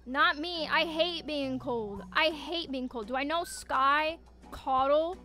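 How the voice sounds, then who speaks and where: A VTuber game streamer speaks slowly in a high, pushed, bright voice. She reacts to viewers' messages in casual, teasing livestream chat, lacing it with playful theatrical emphasis.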